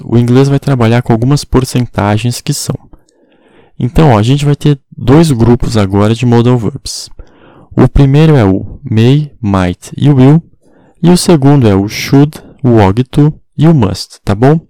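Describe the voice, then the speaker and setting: A man's voice: mid-range voice, gravelly, mellow, dry recording. A man teaching an English lesson in Portuguese, spelling words letter by letter and checking in often with his students. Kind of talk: explanatory online lesson.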